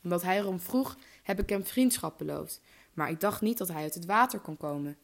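A woman's voice: fairly low pitch, lively intonation, a little fast, creaky. Casting: woman voicing a spoiled, fearful storybook princess, eager and breathless. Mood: anxious.

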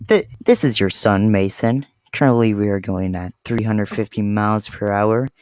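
A young man voicing a newborn baby boy who talks like an airline pilot making intercom announcements, in a formal, measured delivery. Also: lowish voice, darkish tone, clean tone, no room sound, clean studio sound, lightly acted. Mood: announcing.

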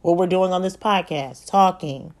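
A woman hosting a solo podcast from home, talking fast and rambling, swearing often and correcting herself as she goes. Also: on the low side, darkish tone. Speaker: podcast host. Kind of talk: solo spiritual podcast monologue. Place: home at night, child asleep nearby.

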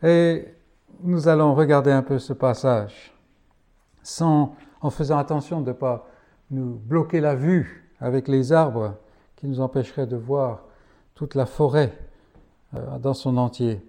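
A male pastor preaching a sermon, reading scripture in a slow, measured way. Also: mid-range voice, steady tone, warm tone.

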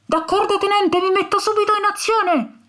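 A woman voicing an eager little male messenger bird who gives shrill alarm cries. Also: fairly even intonation, moderate pace, a bit bright.

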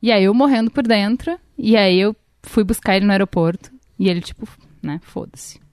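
A woman's voice: medium pitch, brisk, a little mellow, smooth, dry recording, clean studio sound. A Brazilian woman in her thirties telling a long personal story in a casual chat, with many fillers and restarts.

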